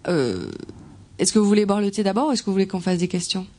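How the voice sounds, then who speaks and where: Halting woman interpreter. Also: medium pitch, lively intonation, darkish tone. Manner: halting, searches for words, restarts phrases. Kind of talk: consecutive interpretation into French.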